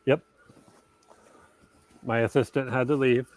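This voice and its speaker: A man's voice: medium pitch, fairly even intonation, slow, darkish tone. A man chatting casually as the shop host of a live product showing. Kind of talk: casual live shopping chat.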